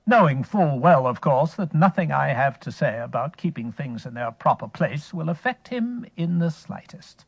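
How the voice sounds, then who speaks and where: An actor playing Mycroft Holmes as an idle, teasing elder brother who introduces the story in an amused, leisurely way. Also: male voice, mid-range voice, creaky, husky, no room sound, muffled recording. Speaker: series host in character. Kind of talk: scripted radio-style drama monologue.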